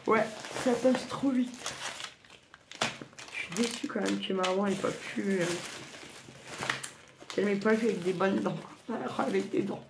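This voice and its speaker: A woman's voice: mid-range voice, unhurried, gravelly, pauses often, background noise. A woman with a lisp that slightly slurs her s sounds, chatting casually and bluntly to viewers in a rambling, colloquial way. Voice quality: lisping, slightly slurred sibilants from dental appliance. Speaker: craft video host.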